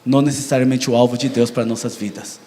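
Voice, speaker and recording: A man from Brazil, a pastor preaching a sermon, animated, acting out dialogue in his stories. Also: quick pace, slight background noise. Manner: animated, acts out dialogue with rising pitch. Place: church hall. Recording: long church hall reverb.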